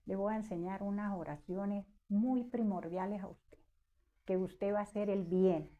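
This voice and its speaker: A woman's voice: mid-range voice, fairly even intonation, normal speed, phone-quality sound. A woman telling family stories in an interview, animatedly acting out her relatives' voices as she quotes them. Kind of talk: personal storytelling.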